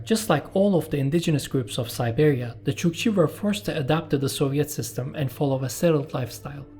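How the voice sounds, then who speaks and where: A man whose first language is Turkish narrates scripted documentary material as channel host. His mellow voice is fairly high in pitch, and his delivery is measured and explanatory, with personal asides.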